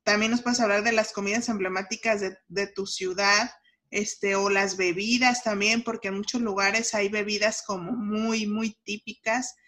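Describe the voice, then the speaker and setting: A woman's voice: medium pitch, steady tone, moderate pace, a bit bright. Mexican lady interviewer, thoughtful, lots of "no?" tag questions, casual interview.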